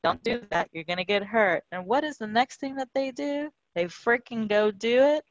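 A woman's voice: fairly high pitch, moderate pace, dry recording. Chatty woman, dull dry sound. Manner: chatty, laughing, mixes in Spanish quotes. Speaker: podcast co-host. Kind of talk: casual storytelling.

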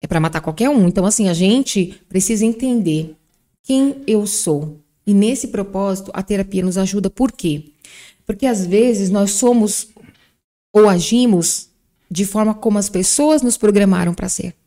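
A woman's voice: mid-range voice, normal speed, mellow. A woman, a psychologist guest on a podcast interview, explaining things and posing rhetorical questions.

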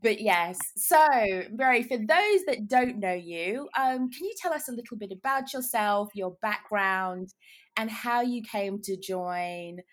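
Lady podcast host chatting w/ a guest, casual, medium pitch voice. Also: lively intonation, a little slow. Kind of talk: casual interview hosting.

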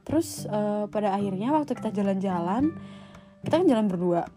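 A woman's voice: mid-range voice, lively intonation, fairly quick. A young woman hosting a casual podcast, telling a personal story in slangy, chatty speech full of swearing. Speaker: podcast host. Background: faint guitar music.

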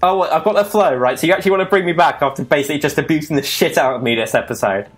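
A man's voice: a little high, racing, soft background music. A man hosting a podcast in casual banter, laughing, swearing and rambling. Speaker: podcast host.

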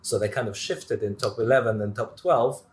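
A man speaking as a guest expert in a technical interview, animated, with many fillers and restarts. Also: lowish voice, moderate pace.

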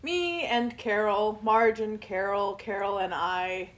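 A woman's voice: medium pitch, slow. A woman co-hosting a podcast in casual late-night chat, laughing often and swearing freely. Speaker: podcast co-host.

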